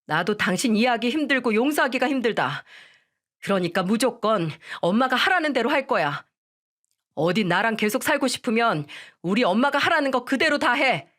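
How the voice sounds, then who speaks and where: A woman's voice: fairly high pitch, expressive, normal speed, a bit bright, voice pushed up. A woman voicing an angry grown son who answers his wife bluntly and coldly. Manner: blunt, cold.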